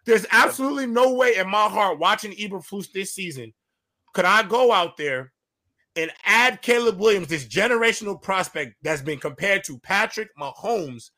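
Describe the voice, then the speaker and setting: A man's voice: high voice, animated, moderate pace, sharp tone. A man hosting a heated, casual sports debate, speaking emphatically and repeating phrases to hold the floor. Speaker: sports talk show host moderating a panel.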